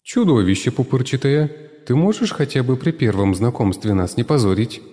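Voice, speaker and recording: A man's voice: mid-range voice, very animated, moderate pace, warm tone, big-room sound, voice pushed up, lightly acted. A man voicing a timid, polite female tomato servant in an audiobook, pleading and fretful. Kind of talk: audiobook character voice.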